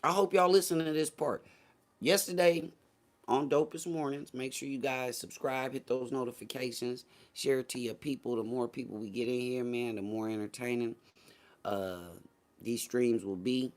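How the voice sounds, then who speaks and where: This livestream host has a mid-range voice with a steady tone and speaks at a moderate pace. He chats with his audience about politics in a relaxed, profane, slang-heavy style, repeating phrases for emphasis.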